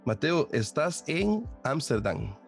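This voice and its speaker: A man with a Costa Rican accent hosting a podcast interview, asking his guest questions with many pauses, fillers and restarts. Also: a little high, big pitch swings, creaky, soft background music. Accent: Costa Rican Spanish. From Costa Rica. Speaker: podcast host. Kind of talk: casual interview.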